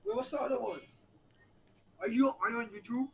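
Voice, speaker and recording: A young man on a video call, joking and loud with a stranger. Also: very high voice, brisk, vocal fry, a little hiss or hum. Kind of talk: casual chat.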